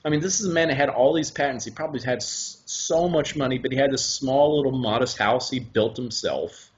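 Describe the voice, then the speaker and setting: Man from Alabama, lively anecdotal guest, slightly muffled podcast sound. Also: medium pitch, a little fast, background noise. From Alabama, USA. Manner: animated storyteller, often slips into voices and laughs. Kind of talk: casual interview chat.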